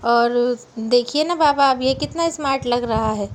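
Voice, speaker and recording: A woman doing a quietly heartbroken young woman. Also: sits high, unhurried, slight background noise. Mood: subdued. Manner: subdued, pleading. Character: sad young woman hiding her heartbreak.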